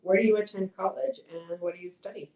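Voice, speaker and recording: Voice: medium pitch, quick pace, reverberant, dull audio. An interviewer asking short, plain questions in an oral history interview.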